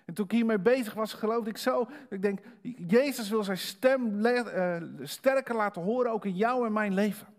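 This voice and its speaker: A man preaching a sermon, building from calm reflection to rising, emphatic preaching. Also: high voice, moderate pace, hardly any pauses. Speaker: pastor.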